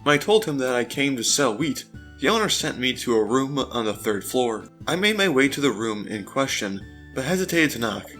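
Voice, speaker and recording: A man hosts a let's play, alternating between narrating a visual novel's text and casual, chatty asides. His voice sits at an ordinary middle pitch. Faint game music plays beneath him. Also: sing-song, moderate pace, fairly bright tone.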